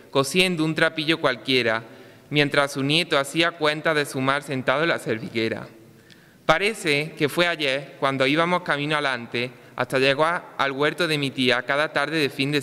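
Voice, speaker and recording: A young man reading a ceremonial festival proclamation aloud in a measured, declaimed way. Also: a little high, sharp tone, clean tone. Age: young adult. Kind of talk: read-out ceremonial speech with recited verse. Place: large ornate church, indoors. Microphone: microphone on a stand. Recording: long church reverb.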